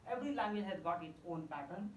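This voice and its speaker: A woman's voice: lowish voice, animated, fast, a little hiss or hum. Indian woman lecturing from a distant mic. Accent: Indian English. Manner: explanatory, repeats terms for emphasis. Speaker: college English lecturer. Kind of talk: live online lecture. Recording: roomy echo, mic set far off.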